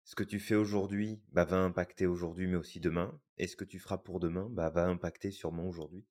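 Deep-voiced thoughtful podcast man. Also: fairly even intonation, fast, darkish tone. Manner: thoughtful, hesitant, many fillers and restarts. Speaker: podcast co-host. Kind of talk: reflective podcast talk.

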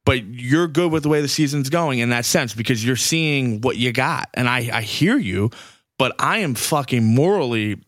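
A man co-hosting a sports podcast. He vents his frustrations in a loose, profane, exasperated rant. His voice sits at an ordinary pitch in a dry, dead room. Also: lively intonation, normal speed, fairly bright tone, no echo. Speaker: podcast co-host. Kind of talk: casual sports chat.

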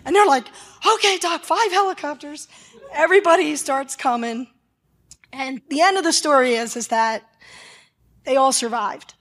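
Woman, emergency doctor, slightly high voice, vivid storyteller who acts out her shouts. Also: lively intonation, normal speed, long pauses. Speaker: emergency physician telling a story. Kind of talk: animated live storytelling.

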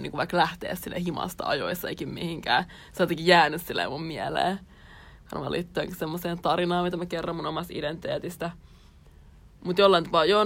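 A woman's voice: deep voice, vocal fry. Young woman, podcast co-host, casual chat, reflective, thinking aloud with fillers.

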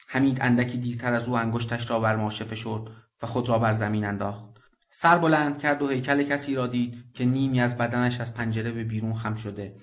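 A man narrates a literary story in a measured, deliberate reading. His voice sits at an ordinary middle pitch. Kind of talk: scripted narration.

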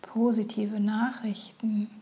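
A woman leading a guided meditation, speaking softly and often in a whisper. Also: medium pitch, level tone, muffled recording. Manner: slow, soft, often whispered.

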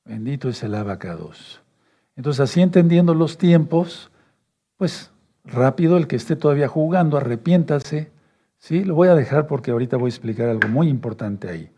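A man delivers a teaching sermon, repeating key phrases and checking in with his listeners again and again. His voice is dark and somewhat husky. He tells the congregation to take notes. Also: medium pitch. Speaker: preacher.

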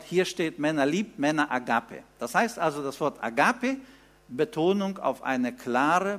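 A man in his fifties preaching a sermon in German, teaching with rhetorical questions and emphatic repeated phrases. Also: on the high side.

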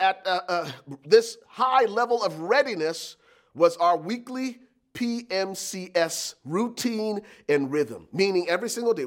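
A middle-aged man from Liberia, preaching a sermon as pastor with emphatic, repeated lines and calls to the congregation. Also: high-pitched.

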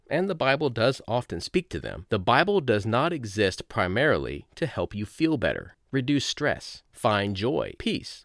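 Man, low and lively, reading course notes point by point, dry close recording. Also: dry recording. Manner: measured, reads numbered lists with rising emphasis. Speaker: course lecturer. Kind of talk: reading lecture notes aloud.

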